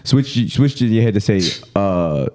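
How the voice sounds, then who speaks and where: A man's voice: lowish voice, animated, a little slow, mellow. A man hosting a casual interview, asking questions with stammered repeats. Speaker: podcast host.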